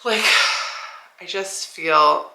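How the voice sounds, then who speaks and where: A woman's voice: on the low side, extremely slow, creaky, pushed and bright, echoey room. A young woman talking casually to her camera in a vlog, rambling with many "like" fillers. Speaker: vlogger. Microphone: small 360 camera.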